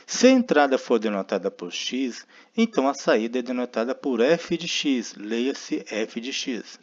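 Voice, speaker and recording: Man, Brazilian Portuguese accent, math lecture, mid-pitched voice, thinks aloud, muffled lo-fi sound. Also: big pitch swings, unhurried, darkish tone. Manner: explanatory, frequent tag questions, thinking aloud. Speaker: math teacher. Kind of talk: recorded lecture. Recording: dull lo-fi recording.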